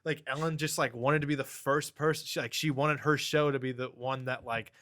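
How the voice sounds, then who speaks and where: A man's voice: mid-range voice, fairly even intonation, a little fast, a bit bright. A young man co-hosting a podcast, telling a story in casual chat, rambling with lots of filler words. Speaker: podcast co-host.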